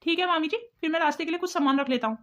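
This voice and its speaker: Woman doing a nice young guy in a cartoon, highish, muffled. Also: racing, fairly bright tone, slight background noise. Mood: cheerful. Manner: respectful, cheerful. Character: friendly young husband.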